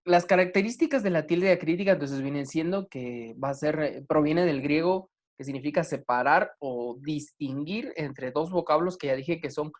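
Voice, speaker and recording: A man teaching an online grammar class, talking slowly with many fillers and restarts. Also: fairly high pitch.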